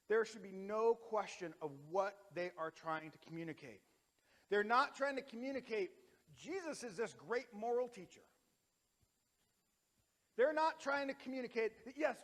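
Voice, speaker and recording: A man in his thirties preaching a sermon in a church sanctuary. His voice sits high and bright, and it swings from loud, driving emphasis to quiet, hushed lines. A long reverb trails each phrase through the hall. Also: animated, a little slow. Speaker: pastor.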